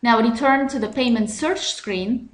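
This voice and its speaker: In a software tutorial, a woman's fairly high voice moves slowly through each step with a measured, teaching delivery. Noticeable room echo fills the recording.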